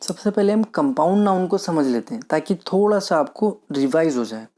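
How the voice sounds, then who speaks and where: Mellow-voiced man teaching grammar. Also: a little high, lively intonation. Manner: asks himself questions and answers them; slows down to read example sentences. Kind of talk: online grammar lesson.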